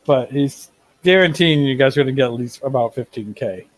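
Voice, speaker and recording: A man's voice: medium pitch, brisk, dry recording. A man running a tabletop game as game master, rambling through tangents and repeating words as he builds his point.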